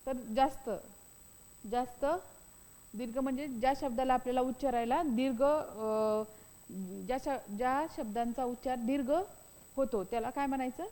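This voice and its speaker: A woman's voice: sits high, fairly even intonation, normal speed, warm tone, in a large hall, low-quality recording. Woman teaching with repeated questions. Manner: repetitive, asks and answers own questions. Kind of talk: grammar lesson.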